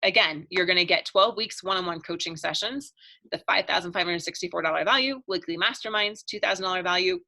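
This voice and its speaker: Fairly quick and pushed, with a bright tone and vocal fry, a female marriage coach makes a chatty, upbeat pitch during a live online webinar. She laughs between points and is losing her voice.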